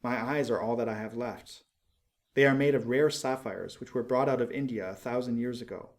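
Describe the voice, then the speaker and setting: A man playing a gentle, sorrowful statue of a prince in a storybook, speaking in a slow, solemn, pleading way. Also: medium pitch, natural voice.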